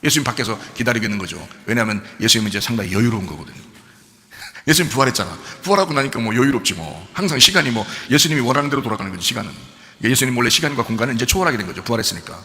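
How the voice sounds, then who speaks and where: A man preaching from the pulpit, retelling a story with quick, lively delivery and a wide-ranging pitch. His voice is bright and forward. It rings with the long reverb of a church sanctuary. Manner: animated storytelling, switching between plain speech and polite address. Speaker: pastor. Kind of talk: sermon.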